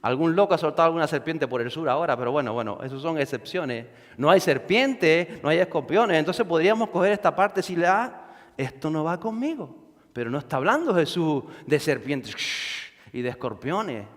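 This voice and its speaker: Pastor preaching in a reverberant hall. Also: male voice, fairly high pitch, animated, fairly quick. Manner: conversational, rhetorical questions, repetition. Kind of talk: sermon.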